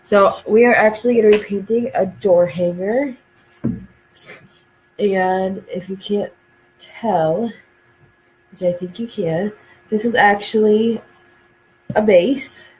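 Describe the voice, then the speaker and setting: A woman's voice: medium pitch, slow, long pauses, a little mellow, poor audio. A woman chats casually on a craft live stream in a mid-range voice. She sounds stuffed up and dry in the throat from a cold, and her talk rambles with frequent ums and uhs. A faint hum sits behind her.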